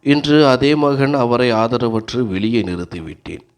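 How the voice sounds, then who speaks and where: A man's voice: medium pitch, animated, unhurried. A man narrating a scripted family story in the first person, earnest and dramatic.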